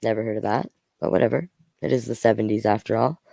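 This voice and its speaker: A storyteller who hosts a read-aloud series reads a children's novel informally, acting out the characters' dialogue. The voice is medium-pitched, fast and dark-toned with vocal fry, on a dry recording.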